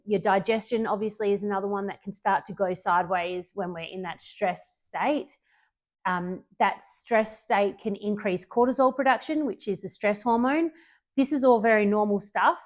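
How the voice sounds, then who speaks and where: A woman coaching her clients through a relaxed spoken tutorial. She talks in a loose, chatty way at a middle pitch, filling gaps with ums and correcting herself as she goes. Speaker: fitness coach.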